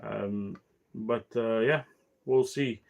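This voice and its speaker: Halting, tired man hosting a cigar show. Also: on the low side, gravelly. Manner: halting, many fillers and restarts. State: tired, yawning. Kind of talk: casual solo talk show.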